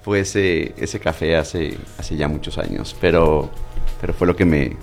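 Man, Mexican Spanish accent, architect guest, very low voice, halting interview answers. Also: creaky, soft background music. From Mexico City. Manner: halting, with fillers and restarts.

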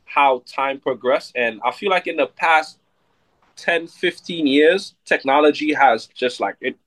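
A man's voice: fairly high pitch, measured pace, no echo, poor audio. Guy chatting easy in an interview, lots of "like" and "you know what i mean", dry close sound. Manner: relaxed, laid-back, many fillers like "like" and "you know what I mean". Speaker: soca artist guest. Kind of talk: casual interview chat.

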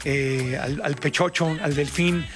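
A man's voice: fairly high pitch, steady tone, slow, a bit bright, faint music behind. A man from Tijuana with a Mexican Spanish accent, hosting a chatty radio news show. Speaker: radio host.

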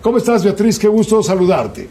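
A man hosting a news show, with a high but mellow voice. He brings his guest on and then presses her with pointed, teasing questions. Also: lively intonation, a little fast, slight background noise. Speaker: radio news host. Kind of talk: interviewing a guest.

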